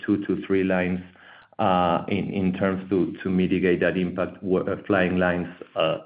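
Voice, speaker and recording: Guy presenting over a choppy conference call, low flat voice, tinny phone sound with echo, keeps stumbling and repeating words. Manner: halting, stumbling delivery with many repeated words. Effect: heard over a conference call line that keeps cutting out. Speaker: company executive presenting quarterly results.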